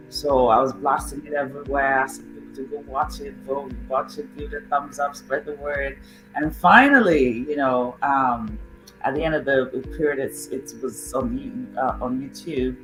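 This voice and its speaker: On an online show, a middle-aged Nigerian guest casually introduces himself, rambling with lots of fillers and restarts. He has a mid-range voice, and the recording is rough.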